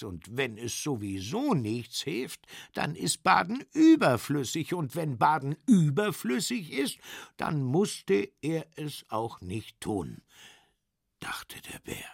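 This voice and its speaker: A man reading a children's story aloud, with very expressive, dramatic delivery. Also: takes it slowly, creaky, slightly rough, no echo, studio quality. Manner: very expressive, dramatic swings in pitch.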